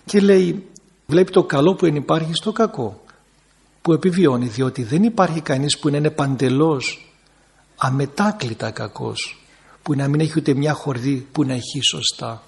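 Gravelly high-voiced Greek priest. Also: male voice. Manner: teaching, acts out people in quoted bits. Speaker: Orthodox priest. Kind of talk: talk to a group with questions.

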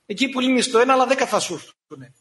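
A man preaching a sermon in an animated way, sometimes scolding and acting out the voices he quotes. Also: extremely high pitch.

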